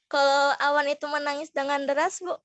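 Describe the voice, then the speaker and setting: A woman's voice: high-pitched, little pitch movement, fairly quick, a bit bright, no echo, lo-fi sound. A woman student giving brief, hesitant answers and questions to her teacher in an online class.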